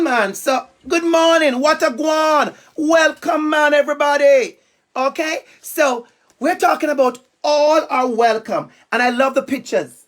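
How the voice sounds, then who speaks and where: A man from Jamaica, speaking with a Jamaican accent in an extremely high, fairly bright voice, is a guest speaker at a school. He playfully and emphatically talks to young students, calling out to them.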